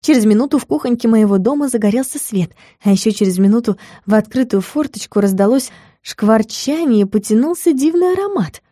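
Woman reading a lively fantasy audiobook. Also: a little high, a little fast, dry recording, clean studio sound. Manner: lively storyteller who voices every character. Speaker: audiobook reader. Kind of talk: first-person fantasy audiobook narration.

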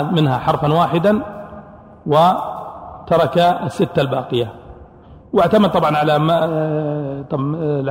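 Male scholar, lecturing voice slightly high for a man, asks and answers his own questions; echoey hall. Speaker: Islamic scholar teaching Quran sciences. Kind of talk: classroom lecture.

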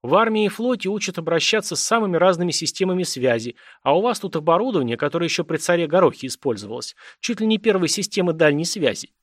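A man's voice: fairly high pitch, expressive, quick pace, few pauses, no room sound, studio quality, voice pushed up. A man voicing a blunt, streetwise former army scout with a lightly mocking manner, read as an audiobook character. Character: ailing ex-army male scout, blunt and wry.

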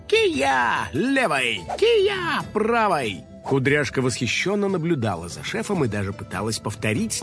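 A man narrating a children's story in a lively, playful way. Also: fairly high pitch.

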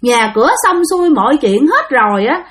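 A woman's voice: expressive, fast, sharp tone. A woman voicing the angry ghost of an old woman who scolds a couple for breaking a promise. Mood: scolding. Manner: scolding, shrill and accusing.

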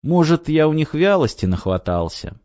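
A man's voice: fairly high pitch, very animated, moderate pace, darkish tone, highs cut off, voice pushed up. A man reading an audiobook, voicing a weary, gloomy male foreman who mutters glum, sardonic replies.

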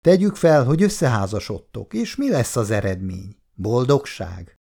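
A woman's voice: extremely low pitch, sing-song, vocal fry, warm tone, husky, full character voice. A man reading aloud and voicing a bold young woman who insists and mocks her rival. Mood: brazen insistent. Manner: insistent, mocking, brazen.

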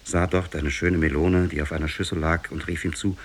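An actor playing a grieving young man telling his sad tale in a 1950s radio drama, with a measured, sorrowful delivery. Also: low-pitched, little pitch movement. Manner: measured storytelling, sinks into sorrow. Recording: old tape, muffled radio play.

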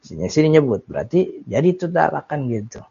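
Male teacher, relaxed and joking, mellow dark voice, dull lo-fi recording. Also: on the high side, brisk, gravelly, slightly rough. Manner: relaxed, joking, reads Arabic then explains. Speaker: Islamic teacher. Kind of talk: casual kitab study lesson.

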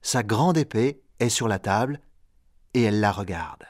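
A man reading a storybook aloud in slow, clear, even narration for learners. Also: fairly low pitch, no room sound, studio quality. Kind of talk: scripted audiobook narration for learners.

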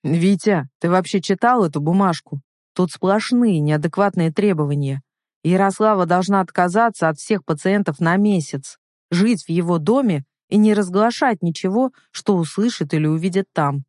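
A woman's voice: lowish voice, normal speed, darkish tone, dry recording, studio quality, lightly acted. A woman voicing a hot-tempered, protective older brother in an audiobook reading, talking in a blunt, firm way. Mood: indignant.

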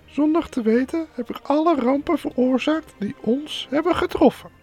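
A man voicing a tearful, complaining young princess in a high falsetto, as part of a told fairy tale. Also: moderate pace, darkish tone, soft background music. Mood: sorrowful. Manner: tearful pleading, rambling complaint. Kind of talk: storytelling with put-on voices.

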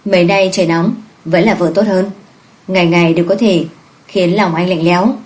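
A woman voicing a domineering, lazy young husband with a low, teasing manner in a romance audiobook. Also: fairly even intonation, moderate pace, darkish tone, close to an everyday voice, rough recording. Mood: menacing.

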